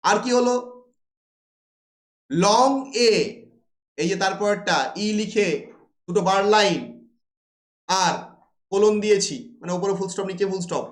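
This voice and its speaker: A man with a high-pitched voice gives a classroom lecture. He poses rhetorical questions and answers them himself. The sound rings around a roomy, echoey space. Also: a little slow, pauses often. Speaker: teacher. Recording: roomy echo.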